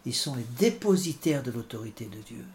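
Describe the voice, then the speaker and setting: Male priest, sermon delivery, halting and repetitive, faint background noise. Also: medium pitch, very animated, darkish tone. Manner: halting, repeats words, frequent fillers. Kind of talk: sermon with scripture commentary.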